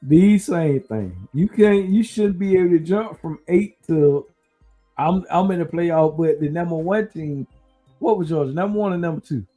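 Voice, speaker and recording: A man hosting a casual podcast chat, rambling and thinking out loud as he talks. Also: high-pitched, moderate pace, faint music behind. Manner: relaxed, rambling, talks through his uncertainty. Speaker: podcast host.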